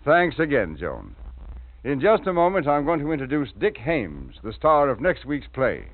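A man's voice: mid-range voice, wildly swooping pitch, normal speed. Man announcing from an old broadcast disc. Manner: smooth, formal announcer delivery. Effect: old broadcast disc transcription. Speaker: radio show host. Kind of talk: announcing a radio drama program. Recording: narrow-band lo-fi old radio transcription.

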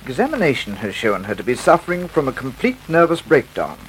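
An actor playing a formal, matter-of-fact hospital doctor in a vintage radio drama. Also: male voice, mid-range voice, huge pitch swings, brisk. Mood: formal, explanatory. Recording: noisy vintage radio recording.

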